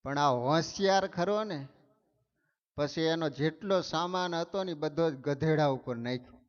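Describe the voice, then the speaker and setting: Slow, clear-voiced preacher in a hall. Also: male voice, fairly high pitch. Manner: animated storytelling, dramatic emphasis. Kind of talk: storytelling sermon. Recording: dull sound, long hall reverb.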